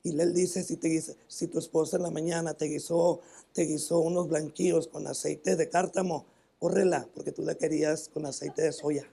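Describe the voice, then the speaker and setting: A man's voice: fairly high pitch, little pitch movement, vocal fry, warm tone, breathy edge. A pastor with a northern Mexican accent preaching a sermon in church, often calling the congregation "brother" and restarting his phrases. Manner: repeats "hermano" often, halting restarts. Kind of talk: sermon with personal testimony.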